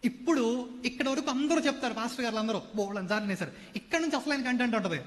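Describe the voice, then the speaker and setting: High bright-voiced male preacher, reverberant hall. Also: rapid-fire. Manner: dramatic, acts out dialogue, swings loud and soft. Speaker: pastor. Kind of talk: sermon. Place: church hall with seated congregation.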